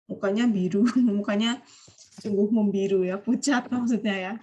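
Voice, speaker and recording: A woman's voice: mid-range voice, steady tone, moderate pace, warm tone, a little hiss or hum. A woman teaching a vocabulary lesson over a video call, explaining patiently, quizzing her students and mixing Japanese words into her talk. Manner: explains patiently, often asks students questions.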